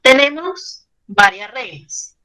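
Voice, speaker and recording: A woman teaching a grammar lesson to her class. Her voice is bright and sits fairly high. She explains patiently, repeats key points and uses gentle diminutives. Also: big pitch swings, slow, low-quality recording. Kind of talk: online Spanish grammar lesson.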